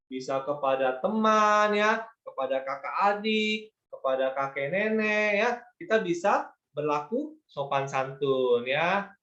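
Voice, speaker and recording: A man's voice: fairly high pitch, a bit bright, roomy sound, lo-fi sound. A man teaching an online Sunday school lesson to children, patient and coaxing, often asking them to agree.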